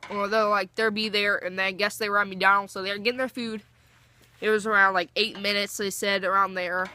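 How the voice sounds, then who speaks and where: Young female vlogger, bright and keyed-up, rambling anecdote with fillers. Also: mid-range voice. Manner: rambling and anxious, lots of fillers and restarts. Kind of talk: casual storytime.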